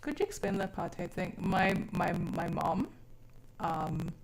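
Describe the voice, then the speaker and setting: Unhurried and animated, a live streamer with a fairly low voice chats casually, swearing freely. Born in South Africa, she grew up mostly abroad from the age of six.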